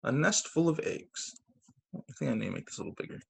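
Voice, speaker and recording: Over a video call microphone, a man holds a read-aloud storytime to teach young children, using expressive, deliberate phrasing. His voice is mid-range, gravelly and husky.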